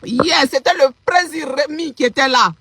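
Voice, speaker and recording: Loud teasing woman. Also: sits high, normal speed, dry recording. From Africa. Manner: teasing, chanting repeated sing-song refrains; loud and animated, often laughing. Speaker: live streamer. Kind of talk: live-stream banter.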